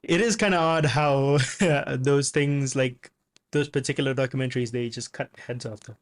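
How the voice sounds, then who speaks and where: A man giving casual reaction commentary on a comedy clip, relaxed and chatty, laughing often. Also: mid-range voice, normal speed, a little hiss or hum.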